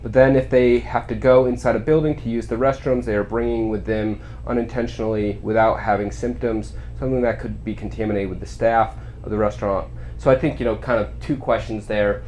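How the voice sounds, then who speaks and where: A man hosting an informal community interview, asking rambling questions in a halting, conversational way. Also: on the low side, steady tone, a little mellow, a little hiss or hum. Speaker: host.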